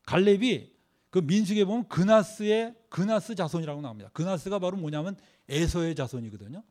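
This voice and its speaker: With a high-pitched, expressive and fairly quick delivery, this male pastor preaches to his congregation, posing rhetorical questions and leading them in reading scripture together. His volume shifts between forceful emphasis and soft asides.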